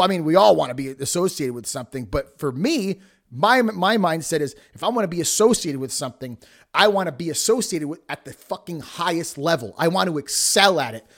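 A man hosting a show, delivering a forceful, emphatic motivational monologue straight at the listener in blunt, sweary tough-love language. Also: a little high. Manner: preachy, addresses listeners directly. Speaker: podcast host.

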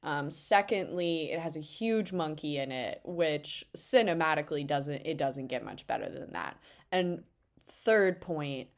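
A woman's voice: sits low, lively intonation, measured pace. A woman co-hosting a podcast, talking casually and rambling with lots of fillers and self-mocking humor. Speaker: podcast co-host. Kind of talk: casual comedic chat.

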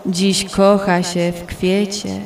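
A woman playing a guilt-stricken, defiant young murderess in halting, hushed verse recitation. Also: mid-range voice, level tone, creaky. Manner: broken, halting phrases, dropping to hushed tones.

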